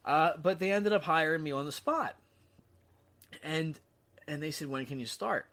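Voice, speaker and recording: A man's voice: on the high side, moderate pace. Guy telling his story on a podcast, chatty, self-mocking, cusses a bit, lots of restarts. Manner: animated, self-deprecating, swears casually, many restarts. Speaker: podcast guest, sales trainer. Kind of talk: casual storytelling interview.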